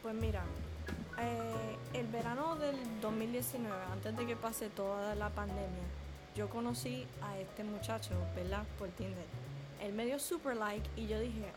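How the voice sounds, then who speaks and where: A woman's voice: on the high side, unhurried, music in the background. A young woman chatting candidly as a podcast co-host in Spanglish, slipping between Spanish and English with slang and swearing. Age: young adult. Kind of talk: casual storytelling chat.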